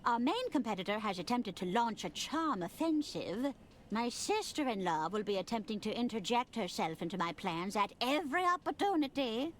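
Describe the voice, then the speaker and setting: Lively elderly grand matriarch. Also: female voice, fairly high pitch, slight background noise. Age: older. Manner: grand, wry, amused. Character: elderly, shrewd, wry railway empire matriarch. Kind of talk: comedic adventure game acting.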